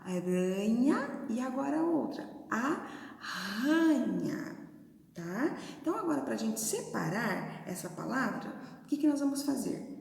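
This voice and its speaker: A Brazilian woman teacher gives a video lesson to young children, her raised, mellow voice swinging widely and roughened by a little gravel. She sounds out syllables slowly and patiently. The room around her rings with long, echoey reverb. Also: a little high, very animated. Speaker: primary school teacher.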